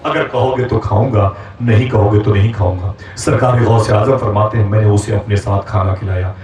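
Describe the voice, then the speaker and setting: A man's voice: steady tone, a little mellow. Man preaching dramatically in an echoey hall. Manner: dramatic storytelling, rising to impassioned pitch when voicing characters. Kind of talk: sermon storytelling. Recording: echoey hall, speaker far from mic.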